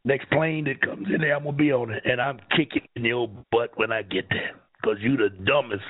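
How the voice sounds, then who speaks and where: A man hosting a call-in radio talk show, fiery and preachy, swinging between shouting and low asides. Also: steady tone, moderate pace. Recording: tinny phone-line radio sound.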